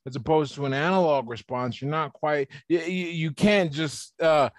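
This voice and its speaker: A man's voice: on the high side, normal speed, no room sound. Casual explaining man, dry sound. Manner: explains ideas at length, casual. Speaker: podcast guest. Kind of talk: casual conversational interview.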